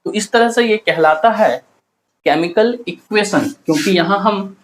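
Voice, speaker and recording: A man's voice: high-pitched, a little slow, poor audio. A male chemistry teacher, giving a classroom lecture and asking and answering his own questions as he explains step by step.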